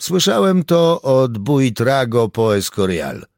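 A man voicing a calm, self-assured male volunteer who speaks in a measured, diplomatic way. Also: medium pitch, gravelly, dry recording, studio quality, voice pushed up, full character voice.

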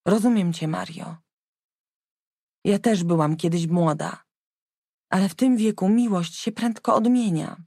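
A woman doing a calm, firm queen mother. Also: medium pitch, a little slow, long pauses, dry recording, studio quality, voice pushed up. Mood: gentle. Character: composed middle-aged queen mother. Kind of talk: audiobook character voice.

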